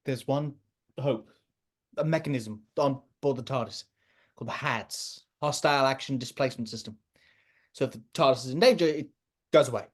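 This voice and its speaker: A woman voicing the Doctor, an eccentric male alien time traveller, in a fan audio drama, rambling through quick explanations. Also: a bass voice. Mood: uneasy rambling.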